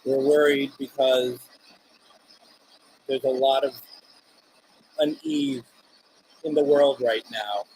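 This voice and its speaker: A man hosting a live paranormal session, speaking earnestly and haltingly, with frequent restarts. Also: medium pitch, fairly even intonation, darkish tone, slight background noise, rough recording. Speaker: host.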